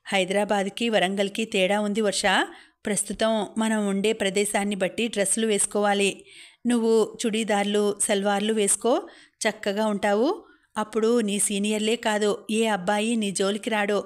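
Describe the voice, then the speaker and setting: A kindly hostel warden in a storybook reading, her advice soft and measured, as a woman narrator voices her. The delivery stays level, with little rise or fall. Her voice sits at an ordinary middle pitch. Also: flat delivery, natural voice. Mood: gentle advice.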